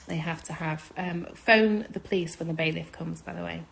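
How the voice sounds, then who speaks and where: A woman's voice: fairly low pitch, steady tone, moderate pace, vocal fry, a bit bright, poor audio. A woman giving impassioned advice in an urgent, insistent manner, repeating her key points. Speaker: social media speaker.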